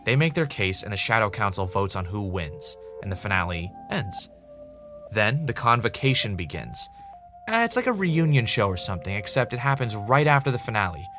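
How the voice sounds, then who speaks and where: With music behind him, a man speaks in a lowish, sing-song voice at normal speed. In conversational fiction podcast narration, he plays an obsessive, anxious fan looking into a cancelled show, rambling earnestly as he tells the story.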